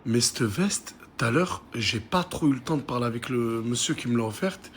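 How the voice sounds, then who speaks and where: A man's voice: mid-range voice, expressive, normal speed, a little hiss or hum. A man hosting a casual vlog, chatting in French suburban street slang. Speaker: host of the vlog. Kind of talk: casual spoken vlog chat. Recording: crowd chatter behind.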